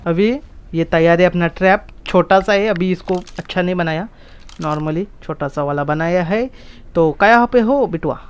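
A man streaming a mobile survival game, chatting casually and firing off repeated excited commands to his teammates. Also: high voice, moderate pace, a little hiss or hum. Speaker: gaming streamer. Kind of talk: casual gameplay chat.

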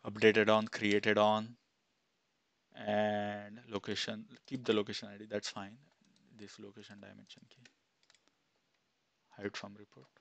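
A man in his thirties, an instructor, talking step by step through a screen-recorded software tutorial on a headset mic, with fillers as he goes. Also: on the low side, monotone, a little slow, creaky, pauses often, dry recording. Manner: plain step-by-step, thinking aloud with fillers. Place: small room indoors.

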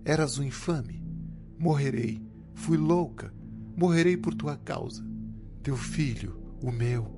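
A man's voice: medium pitch, animated, slow pace, creaky. A man voicing a dying young woman, bitter and despairing, speaking faintly and breathlessly over background music.

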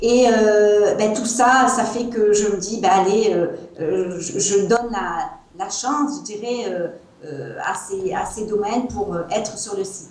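Invitée au ton hésitant: une femme à l'accent provençal, dans un appel vidéo à l'écho très marqué. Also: female voice, mid-range voice, measured pace, a little mellow. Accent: Provençal French. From France. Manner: hesitant, many fillers. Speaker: guest, wine seller. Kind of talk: interview over video call. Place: small room at home, indoors. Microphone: earbuds on a video call. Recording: echoey room sound over a video call.

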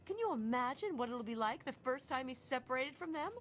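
An actress playing a prim, polite, gossipy suburban American housewife in a video game. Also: female voice, high voice, animated, brisk, a bit bright, faint music behind. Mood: disapproving. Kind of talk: scripted video game dialogue.

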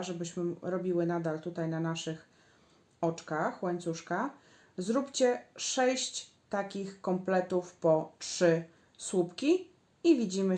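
Slow, patient woman teaching crochet. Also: fairly low pitch, a little mellow. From Poland. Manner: slow, patient instructions, counting stitches aloud. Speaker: crochet instructor. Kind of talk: step-by-step crochet tutorial. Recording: echoey room.

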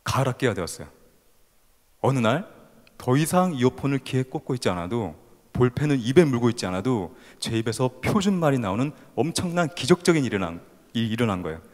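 A man's voice: medium pitch, sing-song, fast talker, a little mellow. A man in his thirties with a faint Gyeongsang-tinged accent, telling his life story as a stage speaker and acting out the scenes. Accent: Gyeongsang-tinged Seoul Korean. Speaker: speaker at a youth festival talk. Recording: hall reverb from a stage talk.

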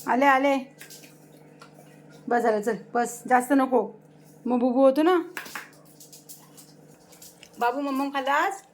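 A woman's voice: high voice, unhurried, pauses often, a little hiss or hum. A woman with a Marathi accent, casually chatting to her pets at home in coaxing baby talk during a vlog. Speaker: vlogger talking to her pets.

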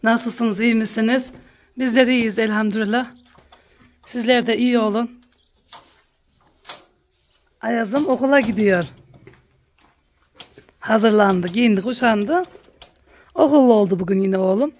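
Chatty village woman, fairly high voice. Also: a little slow, pauses often. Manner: chatty, warmly addresses viewers as "canlar"; calls to her dogs in a high coaxing voice. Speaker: village life vlogger. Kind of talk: casual vlog narration to viewers. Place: outdoors at a village farmyard and garden.

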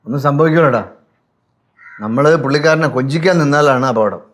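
An actor playing a stern, sensible uncle who scolds and reasons in a TV sitcom. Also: male voice, on the high side, fairly quick, lightly acted. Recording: TV sitcom with music underneath.

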